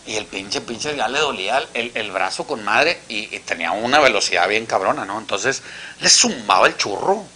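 Mexican guy telling dirty jokes, voice jumps all over, really bright sharp tone. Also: fairly low pitch, lively intonation, normal speed, slight background noise. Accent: Mexican Spanish. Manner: crude slang, acts out every character. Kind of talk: joke telling, casual storytelling.

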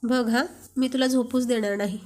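A teasing young husband coaxes his wife over and over, voiced by a woman reading a storybook aloud. He is playful and insistent, with a fairly high voice. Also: steady tone, moderate pace, a little mellow, lightly acted. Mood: teasing, coaxing. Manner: teasing, coaxing.

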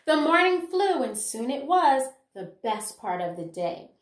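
A middle-aged educator with a slightly high voice presents a picture book read-aloud in a sing-song, somewhat slow manner. Aimed at children and teachers, it combines expressive reading with comments on the book. Her small indoor room at home gives the audio a noticeable echo.

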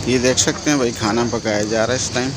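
A man's voice: medium pitch, fairly even intonation, fast talker. A man with a Karachi Urdu accent hosting a fishing vlog, filming on a handheld phone on a rocky shore at night and calling out each catch to viewers. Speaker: fishing vlogger host. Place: rocky seashore at night, outdoors. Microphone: phone camera held in hand. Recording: loud wind on the phone mic.

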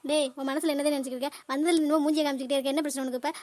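A woman's voice: sits high, steady tone, a little mellow, lightly acted. A stern scolding cartoon mother, as a woman voices her. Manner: scolding, threatening, rapid. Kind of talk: cartoon voice acting.

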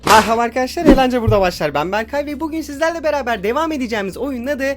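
A young man giving excited let's-play commentary, joking, yelping and cursing at the game as he plays. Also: very high voice, rapid-fire, soft background music. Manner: loud, jokey, yelps and curses at the game. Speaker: gaming YouTuber.

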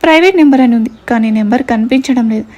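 A woman storyteller narrating an audio drama with a mellow, dark tone and a voice pitched a little high. She reads steadily and expressively. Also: fast, lo-fi sound.

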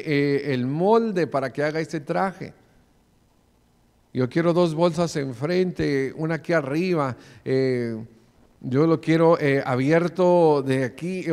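A man's voice: on the high side, darkish tone. A man in his forties preaching a sermon in a church, often calling the listeners brother. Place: church sanctuary, in front of the pulpit. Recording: long church reverb.

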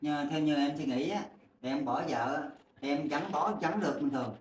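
A man, a husband, answering interview questions in a quiet, halting way. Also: on the high side.

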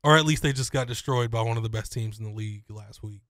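A man's voice: fairly low pitch, quick pace, fairly bright tone, no room sound. A man co-hosting a casual sports podcast in a small studio, ribbing his partner playfully and dramatically. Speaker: co-host. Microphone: studio mic on boom arm, headphones.

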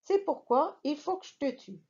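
A woman's voice: sits high, expressive, normal speed, a little mellow, dull audio. A woman voicing a huge, ancient, vengeful male genie who speaks in a harsh, threatening tone. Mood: menacing.

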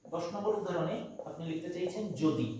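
A man's voice: high voice, animated, a little fast, noisy background. A man teaching a patient, step-by-step phonetics lesson, checking in with his students as he goes. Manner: patient, step by step, asks "তাই তো?". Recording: echoey room, mic at a distance.

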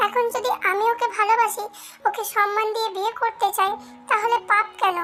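A man's voice: extremely high pitch, little pitch movement, brisk, music in the background. A woman voicing a young man in love, tender and pleading. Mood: earnest.

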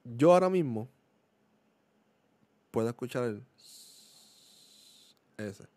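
A man's voice: mid-range voice, lively intonation, slow pace, mellow. A man with a Puerto Rican accent, casually explaining microphone settings into a desk microphone at home, often asking if the listener follows and slipping in English words. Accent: Puerto Rican Spanish. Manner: explanatory, mixes in English words, keeps checking understanding. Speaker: gaming YouTuber reviewing a microphone. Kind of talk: casual tech demonstration. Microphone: desk condenser microphone.

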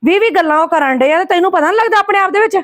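A woman acting an angry mother in a scripted family drama, scolding with a sharp tongue. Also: very high-pitched, racing, no echo, clean studio sound. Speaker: lead actress, angry mother.

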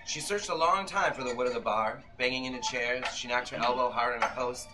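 Reading aloud from a novel he wrote, a middle-aged man of medium pitch builds tension with slow, deliberate delivery, much like old radio theatre. The setting is a small bookshop with a seated crowd, and a violin plays along. The audio is a rough live-room recording from an audience member's camera several metres away.

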